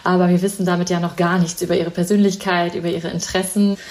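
A woman's voice: fairly low pitch, level tone, fast, darkish tone. Woman in her forties explaining research. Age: 40s. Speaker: psychology professor. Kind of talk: recorded interview.

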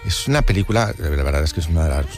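Over background music on the radio, a man with a deep, expressive voice speaks rapid-fire as he recalls cinema memories. He's a film contributor telling conversational anecdotes in a confiding, reflective storytelling style.

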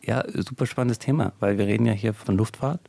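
A man's voice: lowish voice, fairly quick, gravelly, dark tone, dry recording. A male sociologist explaining in a radio interview, thinking aloud with fillers as he goes. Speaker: sociologist guest.

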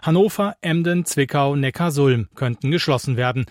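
A man's voice: on the high side, moderate pace, no echo, clean studio sound. A man reading a scripted news report as correspondent.

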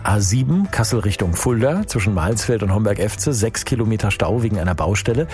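A man's voice: lowish voice, fairly quick, soft background music. Upbeat male radio host. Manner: cheerful, energetic presenting. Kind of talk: upbeat radio presenting with traffic report.

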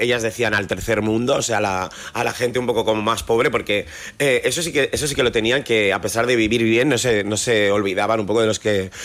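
Low-voiced Spanish man chatting on radio. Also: fairly bright tone. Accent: Spanish from Spain. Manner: informal, colloquial, slangy. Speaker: radio music contributor. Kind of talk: casual radio chat about music.

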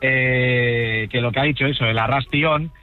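A man's voice: mid-range voice, fairly even intonation, a little slow, narrow, tinny audio. A hesitant male caller from the Basque Country, stopping and restarting as he speaks. Faint music sits behind his voice. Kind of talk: phone-in chat.

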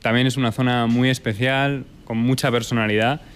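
A man's voice: medium pitch, fairly even intonation, moderate pace, clean tone. A young Spanish man, a chef and restaurant owner, answering interview questions thoughtfully with many fillers and restarts. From Spain.

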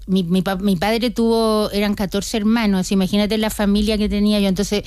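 A woman's voice: mid-range voice, little pitch movement, moderate pace, darkish tone, clean tone, dry recording, clean studio sound. A woman in her sixties, a guest on a radio interview, telling stories with many restarts. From Chile. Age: older. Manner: chatty, storytelling with many restarts.

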